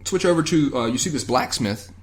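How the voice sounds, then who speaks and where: A male podcast host talks through an episode recap in a relaxed, chatty way. His speech is loose and profane, padded with ums and uhs. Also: medium pitch, fairly quick. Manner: loose and profane, many fillers. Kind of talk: casual chat, recapping a TV episode.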